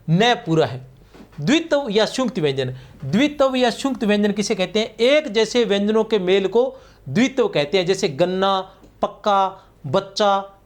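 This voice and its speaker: A man teaching a grammar class for exam prep. He explains patiently, checks in with his students often, and draws out key words as he writes on the board. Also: sits high. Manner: patient, repetitive explaining, frequent "theek hai na" checks.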